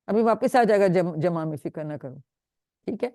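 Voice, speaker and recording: A woman's voice: on the low side, lively intonation, dark tone, no echo, studio quality. A woman teaching an online Quran grammar class, patiently drilling students and praising them. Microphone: video call.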